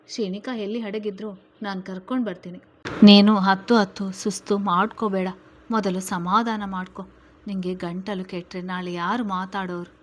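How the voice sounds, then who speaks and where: A woman reading a story voicing a caring, cheeky younger son who speaks quickly and soothingly to his mother. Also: mid-range voice, slight background noise, lightly acted.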